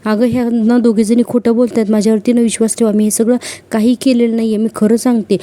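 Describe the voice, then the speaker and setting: A melodramatic young wife begs and pleads, voiced by a woman. The lines come fast in a mellow, dark voice. The quotes carry only a light touch of emotion. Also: a little high, flat delivery, lightly acted. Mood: pleading.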